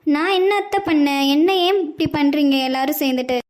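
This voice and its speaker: A woman voicing a gentle young wife in a Tamil cartoon, talking softly and pleading. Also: high-pitched, fairly quick, natural voice. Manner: soft and pleading.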